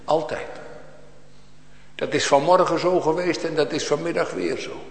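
A man preaching a sermon to his congregation, his voice swelling from hushed to loud in dramatic swings. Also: steady tone, moderate pace, vocal fry. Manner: preaching with big swings of pitch and loudness. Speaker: pastor. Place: church. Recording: echoey church hall with long reverb.

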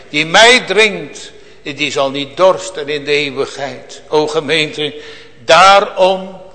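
A preacher in full sermon, his fairly high voice moving slowly and deliberately through each phrase, now fervent, now sinking to a near hush. He sounds caught in the long reverb of a large church. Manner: fervent, drawn-out preaching cadence with sudden soft drops.

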